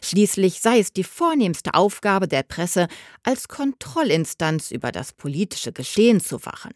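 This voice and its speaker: A woman narrating a novel as an audiobook in a measured, expressive way. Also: mid-range voice, dry recording, studio quality. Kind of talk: scripted narration.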